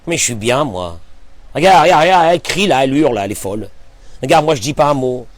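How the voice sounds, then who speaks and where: A man voicing a smug, passive husband who mutters in a lowered, self-satisfied voice. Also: expressive, fast talker, dry recording, close to an everyday voice.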